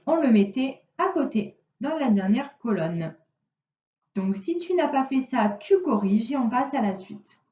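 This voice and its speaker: A woman teacher giving a recorded reading lesson, speaking clearly and patiently to a single child. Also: a little high, a little mellow. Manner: slow, clear, patient instruction addressed to one child. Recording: echoey distant lo-fi room recording.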